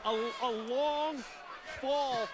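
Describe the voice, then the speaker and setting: A man calling live wrestling play-by-play in an excited, emphatic commentary style. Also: extremely high pitch, very slow. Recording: loud crowd and music behind. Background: arena crowd and music.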